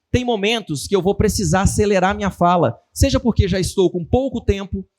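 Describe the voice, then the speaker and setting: A man giving a motivational lecture to an audience, constantly shifting his tone and speed. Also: high-pitched. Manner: lively, varies tone and speed on purpose. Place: stage before an audience.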